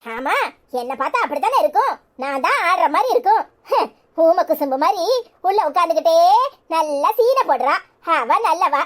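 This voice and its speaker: A woman voicing a sharp-tongued, resentful young wife in a cartoon, with a Tirunelveli Tamil accent and quick cutting complaints. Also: extremely high pitch, animated. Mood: bitter. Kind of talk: cartoon voice acting.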